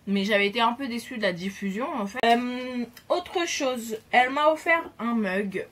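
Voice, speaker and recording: A young woman vlogger chatting enthusiastically about her Christmas gifts, pausing often to find her words. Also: a little high, a bit bright. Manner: chatty and enthusiastic, hesitant pauses. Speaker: beauty vlogger. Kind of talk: casual gift haul chat.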